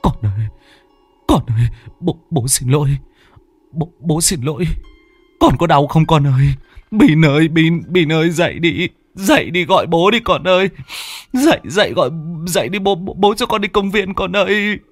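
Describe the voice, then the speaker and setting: A heartbroken young father, voiced by a man narrating a horror story pleads in a tearful, strained voice. His pitch rises high with desperation, and he speaks in broken repeats. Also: expressive, normal speed, husky, no room sound, soft background music. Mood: desperate pleading.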